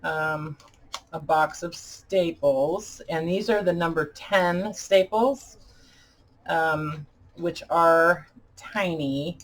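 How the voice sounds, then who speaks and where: A woman chatting casually as a craft video host, halting and deliberate, her speech slightly impeded by dentures as if her mouth were full of peanut butter. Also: low-pitched. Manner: halting, deliberate, pausing often. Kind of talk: casual chat tutorial.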